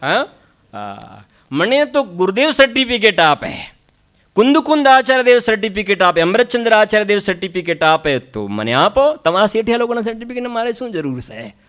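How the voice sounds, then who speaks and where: A man delivers a spiritual discourse in a fairly high voice. He teaches through repetition and proverbs. He keeps tossing short questions to his listeners to check that they follow. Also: big pitch swings, brisk, fairly bright tone. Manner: frequent questioning interjections to listeners. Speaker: Jain spiritual lecturer. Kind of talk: Gujarati religious discourse.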